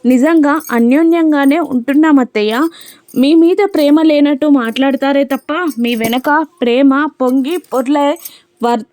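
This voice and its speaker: A woman's voice: sits high, normal speed, warm tone, no echo, natural voice. A woman voicing a devoted young wife who talks to her husband in an affectionate, playfully pleading way. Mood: teasing.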